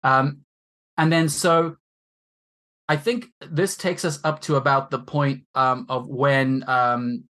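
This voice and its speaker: A man in his forties from Zimbabwe, a guest on a podcast, talking in a loose, rambling way. He laughs at himself and fills his pauses with ums and restarts. His voice sits at an ordinary middle pitch. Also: steady tone, pushed and bright. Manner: rambling and self-deprecating, with many fillers. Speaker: guest musician and marketer. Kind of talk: casual chat.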